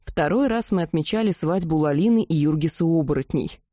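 A woman narrates a first-person fantasy novel in a lively, expressive way. Her voice is warm and mellow. The recording is dry and close, with no room sound. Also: low-pitched, brisk, no echo. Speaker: audiobook narrator.

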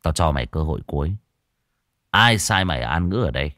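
A man playing a brash young exorcist who taunts and threatens spirits in a gruff, fast voice. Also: very deep voice, lively intonation, a bit bright, no room sound, clean studio sound, voice pushed down. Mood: stern. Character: brash young male exorcist, cocky and rough.

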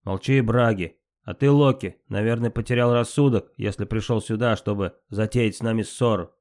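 A man's voice: on the low side, fairly even intonation, moderate pace, darkish tone, lightly acted. A man reading an audiobook, voicing a stern, commanding old male ruler of the gods.

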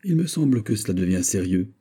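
A man voicing a seasoned, wary musketeer with gruff exclamations and dry asides in an audiobook. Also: fairly low pitch, animated, a little fast, mellow. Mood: grave. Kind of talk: audiobook character voice.

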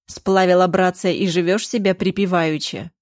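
A woman voicing a drunk, frenzied young man who shouts and threatens, demanding money. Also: lowish voice, fairly even intonation, moderate pace, no room sound, studio quality, lightly acted. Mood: furious. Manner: shouting, menacing.

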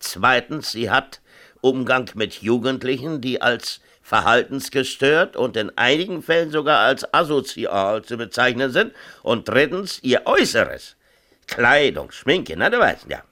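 A male actor voices a middle-aged small-town mayor, agitated and brooding, self-pitying and an exasperated father, in colloquial 1970s East German radio drama dialogue. He rambles insistently, tossing in tag questions, with a mid-range, sing-song voice that is pushed and bright at a measured pace.

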